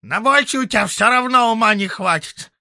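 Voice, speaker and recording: Male reader doing a gruff old hermit sorcerer, scornful and barking, raised voice, bright edge. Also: sits high, animated, fairly quick, no room sound, clean studio sound, pitched above the performer's own voice, heavily acted. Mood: angry. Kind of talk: audiobook character voicing.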